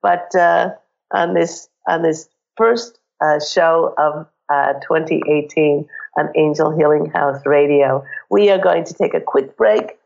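A woman hosting a spiritual radio show, hoarse with a cold and croaky, speaking in an earnest, uplifting way. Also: low-pitched, measured pace, darkish tone, dull audio.

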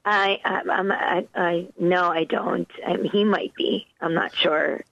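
Female phone-in caller, lo-fi line, gravelly fry, hesitant casual talk. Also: fairly low pitch, steady tone, measured pace, a bit bright, no room sound. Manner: hesitant, tentative. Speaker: caller to a psychic radio show. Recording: dull, lo-fi phone call.

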